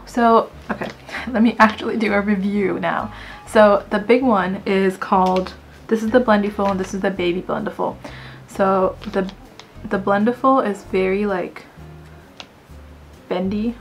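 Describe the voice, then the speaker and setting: A woman's voice: medium pitch, fairly even intonation, unhurried, soft background music. A woman beauty vlogger giving a casual, jokey product review to camera, chatting and giggling.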